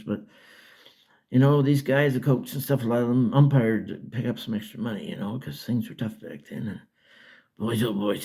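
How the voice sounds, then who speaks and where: An older man from Canada telling a folksy, rambling childhood story in a casual, lively way. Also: on the low side, vocal fry, slightly rough. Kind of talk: casual spoken memoir.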